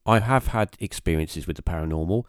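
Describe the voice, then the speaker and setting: A man's voice: low-pitched, fairly quick, no echo, studio quality. A man, hosting a podcast and recounting a story casually, rambling with many fillers and restarts. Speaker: podcast host.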